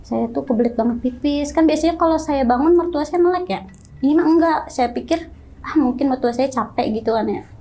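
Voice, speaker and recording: Young woman, high mellow voice, interview guest telling her own ghost story in an animated way, acting out others' lines. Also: a little fast.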